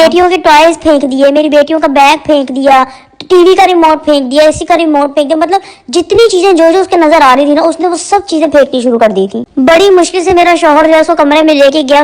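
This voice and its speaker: High-voiced woman telling a family story. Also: low-quality recording. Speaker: vlogger. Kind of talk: casual storytelling.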